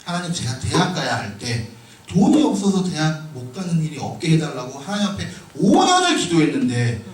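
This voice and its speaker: A man preaching a sermon with personal testimony, moving from quiet storytelling to shouted emphasis. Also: fairly high pitch, big pitch swings, fairly quick, a little hiss or hum. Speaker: pastor. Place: church sanctuary. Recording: echoey hall from far off.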